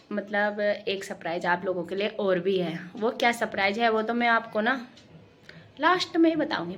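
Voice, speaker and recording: A young woman from Garhwal, chatting fast and cheerfully to her viewers in a casual home vlog. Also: mid-range voice, sharp tone. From Garhwal, Uttarakhand. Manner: fast-talking, chatty, addresses viewers as guys. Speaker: vlogger.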